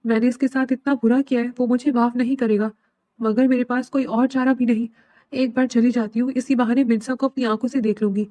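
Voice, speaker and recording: A woman's voice: a little high, little pitch movement, warm tone, dry recording, close to an everyday voice. A woman voicing a frightened young woman who pleads through tears. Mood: worried. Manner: tearful pleading.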